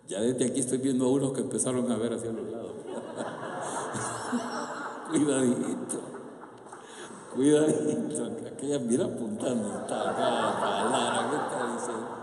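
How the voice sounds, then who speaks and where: A man's voice: medium pitch, moderate pace, heavy background noise. A man with a Salvadoran Spanish accent preaching a sermon, full of rhetorical questions to his audience. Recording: echoey hall with long reverb.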